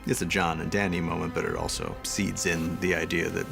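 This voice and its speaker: Dude doing behind the scenes interview, low and creaky, music playing. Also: male voice, level tone, brisk. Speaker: series creator commenting on episode.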